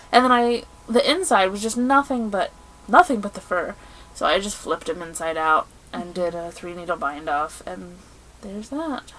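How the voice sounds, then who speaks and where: A woman co-hosting a podcast in casual chat, telling stories in an animated, exasperated way. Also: mid-range voice, low-quality recording. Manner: animated, exasperated storytelling with laughs. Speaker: podcast co-host.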